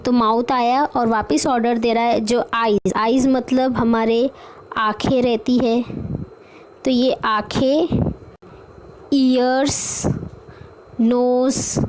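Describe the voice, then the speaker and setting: Slow high-voiced woman teacher. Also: a little mellow, poor audio. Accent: Indian. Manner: reads English lines slowly, then explains in Hindi. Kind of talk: explaining a textbook story to children. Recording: faint background noise.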